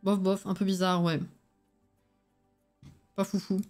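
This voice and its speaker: A woman's voice: mid-range voice, level tone, takes it slowly, a little mellow. Lisping, tired woman streamer from a game stream. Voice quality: lisp with slushy, zozotant s sounds. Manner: colloquial, thinking aloud. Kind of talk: casual live game stream commentary. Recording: voice over background music. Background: music.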